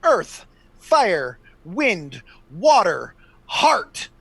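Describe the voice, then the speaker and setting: A man's voice: sits high, wildly swooping pitch, drawn-out words, a bit bright, breathy edge, no echo, heavily acted. A man playing a heroic cartoon superhero in a tabletop game, chanting out a grand declaration. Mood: grandly heroic.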